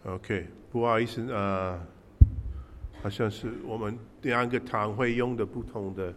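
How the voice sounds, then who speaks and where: A man preaching in short, halting, conversational phrases, pausing for an interpreter. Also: fairly low pitch, fairly even intonation, fairly bright tone, a little hiss or hum. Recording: echoey hall with long reverb.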